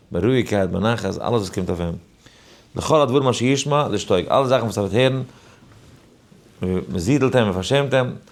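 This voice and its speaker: A man who is a rabbi giving an informal Torah lesson, weaving in a personal story, animated and shifting between quiet asides and emphatic points. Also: on the low side, gravelly. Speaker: rabbi teaching a daily Torah class.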